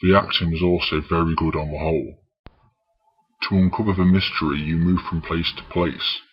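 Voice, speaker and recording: Man, game reviewer, extremely deep, rough-edged husky tone, scripted narration, dull recording. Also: steady tone, moderate pace. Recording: dull, muffled lo-fi voice track.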